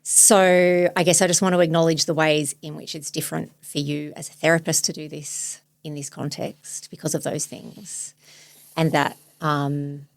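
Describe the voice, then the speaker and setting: A woman in her forties, a therapist hosting a podcast, speaking thoughtfully and searchingly in a soft, reflective way. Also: low voice, level tone, moderate pace, gravelly, no room sound. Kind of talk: reflective therapy demonstration chat.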